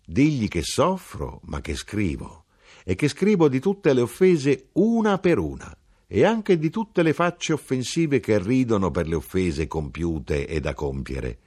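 A man's voice: fairly low pitch, sing-song, a little slow, darkish tone, breathy edge, voice pushed up, exaggerated voice. A man voicing a small, sorrowful old hermit who writes about the world's pain, speaking solemnly in an audiobook. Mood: solemn lament. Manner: solemn, grieving, preaching. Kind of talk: audiobook reading.

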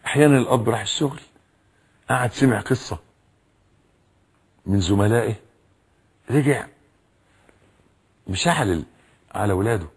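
Husky, lively Egyptian preacher. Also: male voice, on the low side, normal speed, pauses often. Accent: Egyptian Arabic. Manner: animated, acts out quoted voices and repeats for emphasis. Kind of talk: religious lecture on raising children.

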